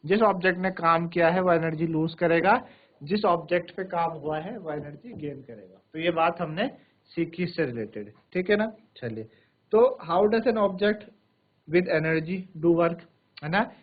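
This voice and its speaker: A male science teacher, lecturing pupils in a studio classroom, asking them questions again and again and dictating definitions slowly, word by word. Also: fairly high pitch. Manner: repetitive, quizzing questions to pupils. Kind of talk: classroom lecture in Hindi with English terms. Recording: thin phone-like sound.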